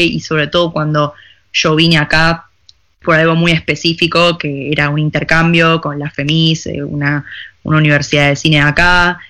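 A young woman from Buenos Aires with an Argentine accent, answering interview questions thoughtfully with many pauses and fillers. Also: sits low, sharp tone. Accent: Argentine Rioplatense Spanish. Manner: thoughtful, hesitant, frequent fillers and restarts. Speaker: filmmaker interviewee.

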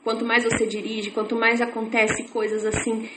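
A woman's voice: a little high, flat delivery, moderate pace, a bit bright. A woman teaching an informal online class, explaining with repetitive, chatty everyday examples. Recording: echoey room with faint noise.

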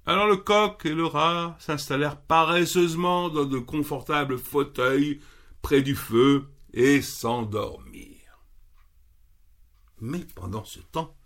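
A man reading a children's story aloud with expressive, unhurried storytelling. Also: mid-range voice.

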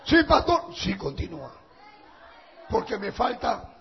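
A male pastor preaching a sermon with passion, swinging from quiet talk to shouting. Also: extremely high pitch, wildly swooping pitch, takes it slowly, vocal fry, a faint crowd. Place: church hall. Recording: dull lo-fi church recording with long reverb.

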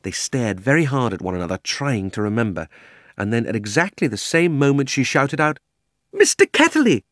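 Male audiobook narrator, gentle and unhurried, lively intonation, dry close sound. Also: medium pitch, no echo. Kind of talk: storybook reading.

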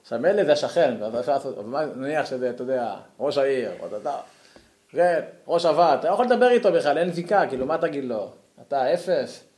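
A man giving a lively Torah lesson to a class, acting out angry letters with sudden high outbursts. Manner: animated, acts out angry letters, jumps high in pitch. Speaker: Torah teacher. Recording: echoey room.

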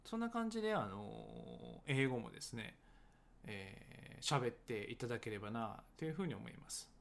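A man who teaches English conversation talks casually about his book, hedging often and pausing with many fillers. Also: mid-range voice, wildly swooping pitch, vocal fry, a bit bright. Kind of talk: casual solo talk promoting his book.

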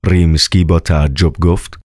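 A man narrating an audiobook novel in an expressive, dramatic reading manner. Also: deep voice, dry recording, studio quality.

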